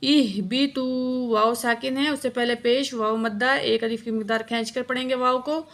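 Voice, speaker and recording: Patient woman teaching tajweed, gravelly voice. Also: a little high, fairly even intonation, a bit bright. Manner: patient, explaining letter by letter; slow drawn-out recitation of verses. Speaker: Quran recitation teacher. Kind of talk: word-by-word tajweed lesson with slow recitation.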